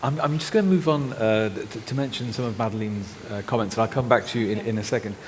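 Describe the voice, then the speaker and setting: A man moderating a panel discussion, relaying an absent speaker's points and handing over to panelists in a relaxed way. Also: on the low side, fast. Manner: relaxed, with fillers, relays comments and hands over questions. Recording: reverberant hall with faint noise.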